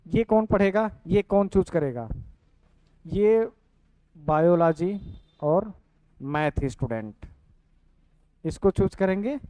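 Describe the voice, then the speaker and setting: A man's voice: sits high, expressive, slow pace, long pauses, warm tone, dry recording, poor audio. A young man, explaining a course lesson casually and checking in often with "theek hai". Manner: repeats "ठीक है" and addresses students directly. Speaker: online coaching teacher.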